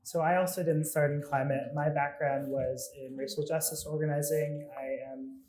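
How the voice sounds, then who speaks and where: A young man from New Jersey on a panel, talking in an earnest, steady way with a few ums. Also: fairly high pitch, moderate pace, echoey room, slight background noise, rough recording. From New Jersey, United States. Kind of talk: panel discussion.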